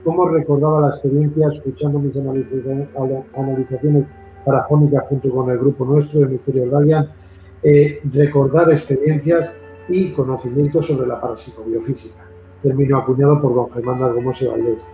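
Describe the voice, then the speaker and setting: A man's voice: mid-range voice, steady tone, a little fast, dark tone, soft background music. A man from Madrid with a Castilian Spanish accent, hosting an interview in a long, rambling, repetitive way. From Madrid, Spain. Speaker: interview host. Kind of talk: casual interview chat. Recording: echoey room.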